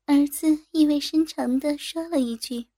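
Soft-voiced woman reading a story. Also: sits high, moderate pace, no echo, clean studio sound. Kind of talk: first-person story reading.

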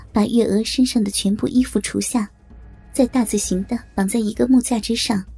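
A woman storyteller narrating a historical tale in a steady, even-paced reading. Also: a little high, breathy edge.

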